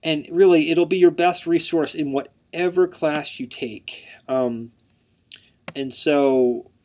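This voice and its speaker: Speaking slowly in a slightly high voice with a dark tone, a thirtysomething man presents himself as the teacher of an online course. His earnest delivery carries a mild stutter, repeated words and plenty of "um"s.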